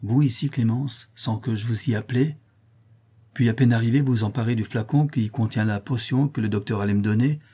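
A man's voice: mid-range voice, fairly quick, dark tone, slightly rough, close to an everyday voice. A man reading the lines of a sick old father in an audiobook, his speech weak but imperious and angry.

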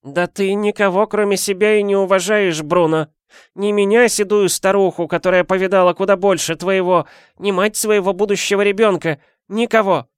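Man doing a high old woman's voice, stern, scolding, sharp-tongued, dry. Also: steady tone, normal speed, clean tone, no room sound, natural voice. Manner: scolding, warning.

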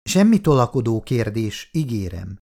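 With a mid-range voice that's sing-song, creaky and dark, a male narrator performs an audiobook character: a young woman official who is earnest and curious, putting direct questions with polite persistence.

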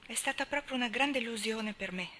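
A woman's voice: on the high side, fairly quick, bright, forceful tone. A woman voicing a devout, proper older neighbor who speaks tearfully and piously.

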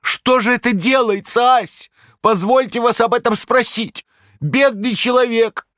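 A shrill wheedling trickster. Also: male voice, a little slow, a bit bright, no echo, studio quality. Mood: shrill pleading. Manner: whining, mock-pleading, shrill.

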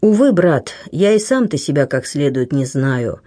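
A man's voice: a little high, very animated, normal speed, mellow. A man reading the part of a lovesick young man who speaks faintly and hesitantly. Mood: weak, tearful.

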